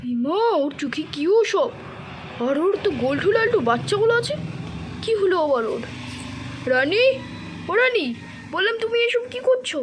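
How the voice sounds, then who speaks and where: A woman voicing a kind, worried young husband who calls out loudly. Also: very high voice, sing-song, moderate pace, long pauses, a little hiss or hum. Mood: alarmed.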